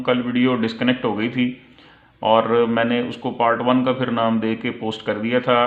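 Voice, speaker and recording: Male English tutor, patient and methodical, tinny and echoey home recording. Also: medium pitch. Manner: slow, patient explaining, reading English phrases slowly then translating. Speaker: English teacher. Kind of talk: online lesson explaining multiple-choice questions. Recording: echoey, tinny phone-like audio.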